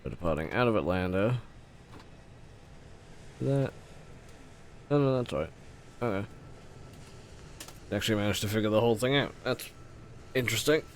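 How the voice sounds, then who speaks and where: A man's voice: lowish voice, expressive, moderate pace, long pauses, a little hiss or hum. A man streaming a flight simulator with casual commentary, muttering to himself and swearing freely. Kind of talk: casual livestream gameplay commentary.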